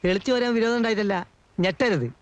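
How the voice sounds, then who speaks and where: An actor playing a fussy, fearful household helper who gossips dramatically, in a comedy film scene. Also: male voice, high voice, animated, fast, no room sound, dull audio. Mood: fearful warning. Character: jittery gossiping helper, scared of a lodger. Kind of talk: 1980s film comedy acting.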